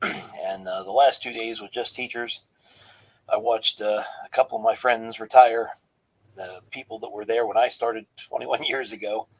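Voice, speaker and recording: Relaxed, slightly husky man in his forties, a teacher guesting on a stream. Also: fairly low pitch, low-quality recording. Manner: relaxed, with filler words. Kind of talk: casual live stream chat.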